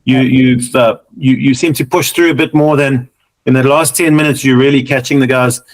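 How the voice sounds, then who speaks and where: A man's voice: mid-range voice, fairly even intonation, moderate pace, a little hiss or hum, poor audio. A man hosting a casual podcast interview, chatty and agreeable with his guest. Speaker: podcast host.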